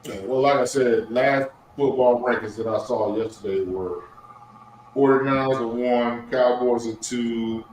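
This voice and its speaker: A man's voice: mid-range voice, measured pace, a little mellow, a little hiss or hum. Man reading rankings in a roomy room. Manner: reads out lists, mumbles asides. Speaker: podcast co-host. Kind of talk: casual sports chat. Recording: roomy echo.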